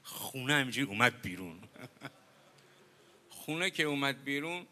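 A man preaching a mourning sermon, telling a story with quoted dialogue and building to loud lament. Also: mid-range voice, very animated. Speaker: preacher reciting a mourning narrative.

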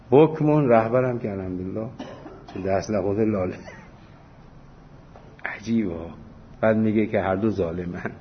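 A religious teacher with a lowish voice gives a lesson, pausing often as he tells anecdotes packed with quoted dialogue and little chuckles. The recording is dull and lo-fi, with a faint hiss.

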